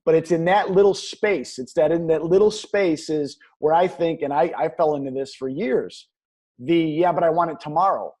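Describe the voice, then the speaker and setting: A slightly high-pitched man with a mellow, soft-edged tone, talking as a guest coach in an interview. He speaks earnestly and with motivational drive, circling back to favourite phrases as he makes his point. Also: normal speed.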